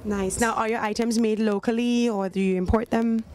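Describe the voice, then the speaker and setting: A woman's voice: a little high, steady tone, moderate pace, darkish tone, slight background noise. A woman working as a TV travel reporter, presenting and interviewing in an upbeat style.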